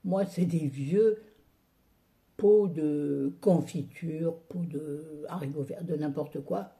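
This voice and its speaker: Gravelly low-voiced woman ranting. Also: slow, dark tone. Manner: grumbling, exasperated ranting with colloquial asides. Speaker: vlogger. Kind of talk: casual vlog chat to viewers. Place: at home.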